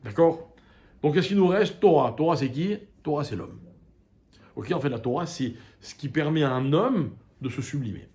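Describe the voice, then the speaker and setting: A man's voice: fairly high pitch, animated, normal speed, a little mellow. A man who is a rabbi, teaching a Torah class to a live audience. He keeps posing rhetorical questions, calls on the class to wake up, and quotes Hebrew texts before translating them.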